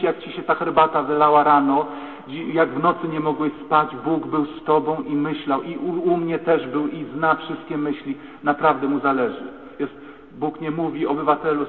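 A man preaching a lively, dramatic sermon as a priest in a church. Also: mid-range voice. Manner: lively, dramatic, acts out shouting voices. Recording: echoey church, tinny phone-like sound.

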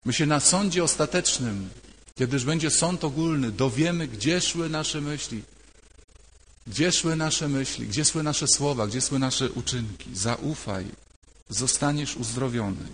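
An older man, a priest, giving a sermon in a conversational, emphatic way and repeating key phrases. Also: mid-range voice. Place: church. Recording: long church reverb.

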